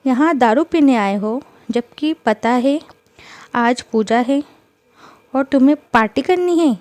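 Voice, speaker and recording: A woman voicing a stern, fierce mother-in-law in a storybook tale, talking in sharp, scolding rebukes. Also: high-pitched, slow pace, dry recording. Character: stern fierce older mother-in-law, protective of her daughter-in-law.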